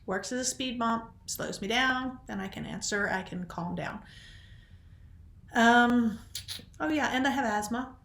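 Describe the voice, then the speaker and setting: A woman's voice: on the high side, unhurried, creaky, a bit bright, reverberant. A woman biology instructor talking casually in a recorded lecture, rambling and self-deprecating, a little short of breath.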